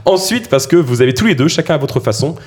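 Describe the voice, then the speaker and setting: A man hosting a podcast, reading a scripted introduction of his guests in a brisk manner, with self-mocking asides. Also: a little high, expressive. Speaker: podcast host. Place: studio or room around a table.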